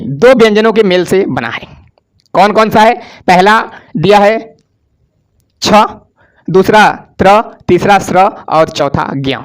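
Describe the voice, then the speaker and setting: A male teacher giving a grammar lesson for exam preparation, asking questions and answering them himself, and having students repeat sounds after him. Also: high-pitched.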